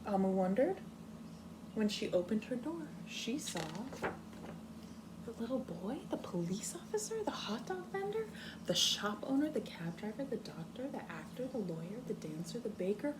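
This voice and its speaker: A female teacher reads a story aloud to small children, expressive and deliberate, stopping now and then to ask them questions. Her pitch is medium, and the background is noisy.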